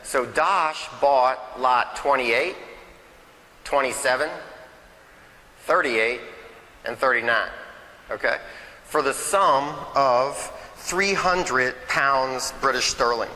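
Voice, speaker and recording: Standing before a small audience in a meeting hall, a nervous man chats through local history, repeatedly asking "okay?" and "right?". He speaks slowly with long pauses in a bright, forceful mid-range voice, captured in a low-quality recording with long reverb.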